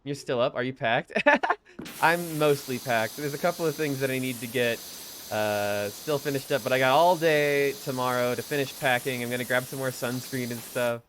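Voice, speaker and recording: A man's voice: mid-range voice, moderate pace, fairly bright tone, slight background noise. A young man from Colorado chatting casually on a live stream, laughing easily and answering his chat. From Colorado, USA.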